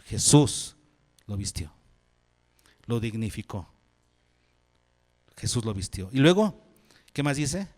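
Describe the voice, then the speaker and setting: A man preaching as pastor, asking questions and answering them himself, dropping low and soft on key phrases. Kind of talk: sermon. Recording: long hall reverb.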